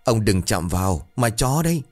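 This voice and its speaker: A man voicing a frightened older village wife who begs and trembles in a shrill voice. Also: big pitch swings, normal speed, darkish tone, faint music behind. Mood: terrified.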